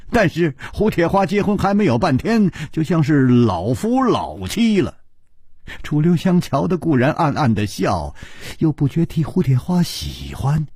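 A man's voice: medium pitch, darkish tone, breathy edge, dry recording, clean studio sound. A man narrating a traditional storytelling performance with dramatic, sweeping intonation.

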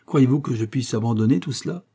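A man's voice: medium pitch, quick pace, mellow, husky. A man reading an audiobook and voicing a fretful, whimpering male butler who pleads and frets. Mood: protesting. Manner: plaintive and pleading.

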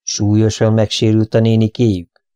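A man reading an audiobook, playing a dry, measured older detective who asks careful questions. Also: fairly low pitch, monotone, mellow, clear, resonant tone, dry recording, natural voice.

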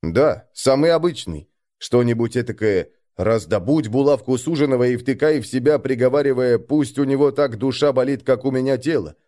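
A man's voice: mid-range voice, moderate pace, dark tone, close to an everyday voice. A man reading a blunt, stern shaman. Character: blunt, irritable wandering shaman.

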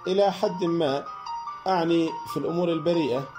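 Man doing an earnest middle-aged friend, eager, insistent, raised higher voice, audiobook character. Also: quick pace, music in the background, natural voice. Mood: eager, reassuring.

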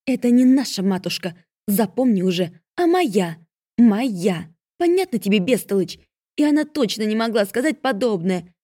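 A woman voicing a spiteful young stepsister who yells with jealous scorn. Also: mid-range voice, lively intonation, normal speed, hardly any pauses, breathy edge, no echo, clean studio sound, pitched above the performer's own voice. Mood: scornful. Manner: yelling, scornful.

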